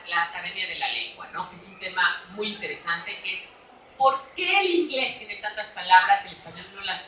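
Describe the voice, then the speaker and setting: A bright, forceful Mexican woman speaks animatedly to an audience, her voice fairly high for a woman. She is an author presenting her book in a chatty, lively way. The sound comes from a distance in a large hall that rings with echo. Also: a little hiss or hum. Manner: animated, chatty, frequent "¿no?" tags. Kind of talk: lively public talk at a book fair. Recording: echoey hall, voice from off-mic.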